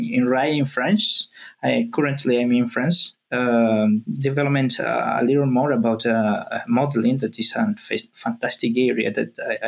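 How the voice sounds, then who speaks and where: A man's voice: mid-range voice, creaky. A man in his thirties from Peru with a Peruvian Spanish accent, a researcher speaking as a guest on a video call, with many fillers and restarts. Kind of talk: remote interview. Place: office. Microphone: earbuds on a video call.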